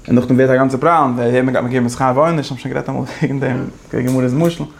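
A man giving a casual, animated lecture that switches between languages, with many halting restarts. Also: mid-range voice, gravelly. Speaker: teacher.

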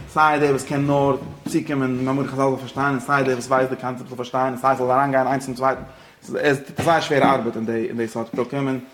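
A man teaching a religious-philosophy lesson, talking rapidly and repeating himself, dropping English phrases into his explanations. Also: medium pitch, fairly bright tone. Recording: echoey room.

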